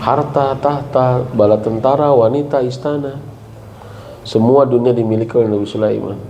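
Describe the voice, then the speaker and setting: A middle-aged man with a Sundanese accent giving a lively Islamic parenting talk, jumping up in pitch for emphasis and often checking with his listeners. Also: normal speed, dull audio, slight background noise. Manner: animated, leaps high in pitch for emphasis, asks the audience questions. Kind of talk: lively religious study talk.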